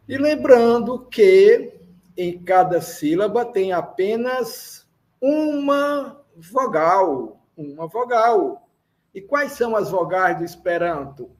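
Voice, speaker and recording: A man with a Brazilian Portuguese accent teaching a language lesson, explaining slowly and repeating words and spelled-out letters for learners. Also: sits high. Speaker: Esperanto teacher. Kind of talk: slow, deliberate classroom explanation.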